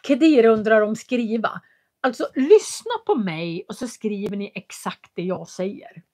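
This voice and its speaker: Clearly articulating Swedish teacher, woman. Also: mid-range voice, dark tone. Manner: clear, carefully articulated speech; patient, explanatory. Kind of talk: live language lesson answering chat.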